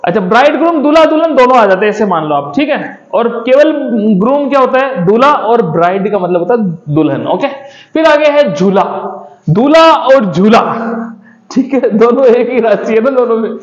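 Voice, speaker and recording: High-voiced man teaching in an echoey room. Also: expressive, normal speed. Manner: repetitive call-and-response questioning. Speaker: English teacher. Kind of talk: classroom vocabulary lesson. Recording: echoey muffled room recording.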